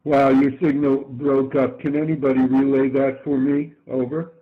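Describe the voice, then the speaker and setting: A man running an amateur radio net as its controller, speaking politely and haltingly over two-way radio. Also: mid-range voice, level tone. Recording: narrow-band amateur radio transmission.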